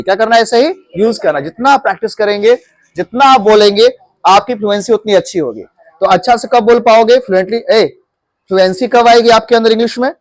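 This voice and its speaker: Man, classroom teacher, high voice, dry sound, repeats questions. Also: no echo. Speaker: English teacher.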